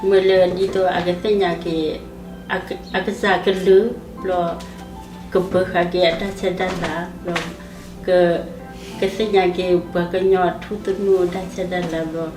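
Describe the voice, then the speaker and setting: A woman explaining something casually in a halting way, with many fillers and restarts. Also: fairly low pitch, level tone. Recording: roomy, distant mic. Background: music.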